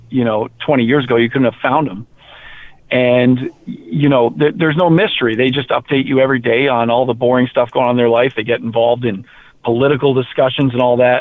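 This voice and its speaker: Man from rural Maine, musician, casual interview talk, animated, tinny phone-like line. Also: mid-range voice. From rural Maine, USA. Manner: animated, speeds up and slows down, repeats words. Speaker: heavy metal musician.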